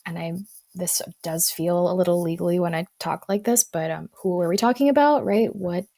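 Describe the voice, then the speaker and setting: Woman, guest counselor; measured, reflective delivery with a touch of fry, dry audio. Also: fairly low pitch, dark tone, no echo. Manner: thoughtful, measured, pauses to qualify points. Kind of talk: casual podcast conversation.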